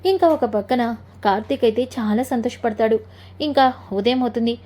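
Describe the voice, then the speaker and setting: A woman's voice: on the high side, moderate pace. A woman narrating a recap of a TV serial episode, carrying the story along steadily. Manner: steady storytelling with linking phrases.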